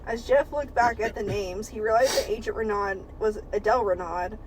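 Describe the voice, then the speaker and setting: A woman's voice: medium pitch, a little fast, slight background noise, low-quality recording. A woman co-hosting a podcast, reading a book aloud for laughs, giggling often and swearing freely. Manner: giggly and profane, breaks into laughter while reading. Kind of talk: comedic read-aloud with banter.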